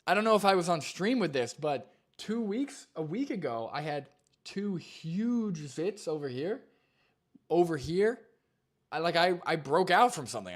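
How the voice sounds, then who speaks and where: A young man streaming, reacting to a video and reading chat, rambling with lots of fillers and restarts. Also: on the high side.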